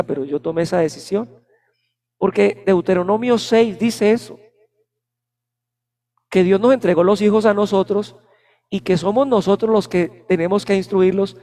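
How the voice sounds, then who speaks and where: High-voiced male pastor telling stories. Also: a little mellow. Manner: storytelling, dramatizing anecdotes. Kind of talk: sermon.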